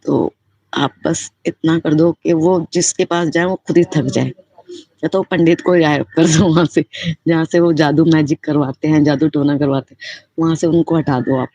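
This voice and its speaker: A woman shares a personal devotional testimony, circling back to her thanks again and again with fervent gratitude. Her voice is mellow and warm. The recording is dry and a little muffled and lo-fi. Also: low-pitched, steady tone, normal speed, dry recording. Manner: heartfelt, repetitive, fervently grateful.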